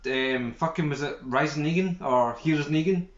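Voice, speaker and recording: A man co-hosting a podcast in casual chat, animated and sweary, often talking over his co-host. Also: on the high side, normal speed, crowd noise. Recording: dull echoey room recording.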